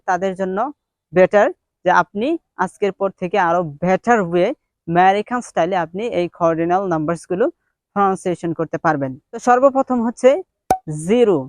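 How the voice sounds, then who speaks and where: A woman teaching English pronunciation with a Bengali accent, speaking slowly and repeating each word several times. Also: medium pitch, dry recording. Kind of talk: slow spoken lesson, mixing English and Bengali.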